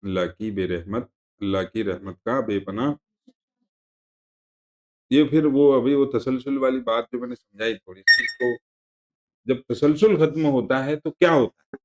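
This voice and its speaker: A man giving a religious lesson to a class, explaining terms in a conversational, digressive way and repeating himself to make points clear. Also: medium pitch, measured pace, pauses often. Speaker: religious teacher.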